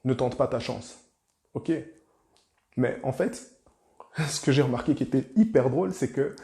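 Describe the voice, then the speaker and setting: Guy doing a casual coaching talk to camera, warm mellow voice, keeps repeating himself, bit of room echo. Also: medium pitch. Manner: chatty, addresses the viewer as "tu" and repeats phrases. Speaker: life coach.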